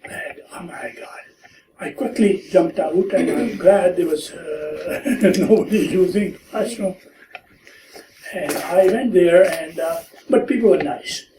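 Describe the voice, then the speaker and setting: A high-pitched man in his seventies, born in India and raised in Pakistan, speaks with a Pakistani accent as he tells stories from his life in an oral history interview. He is unhurried and gently humorous, acting out the lines he quotes. The room is echoey, he sits far from the mic, and there's a faint hiss.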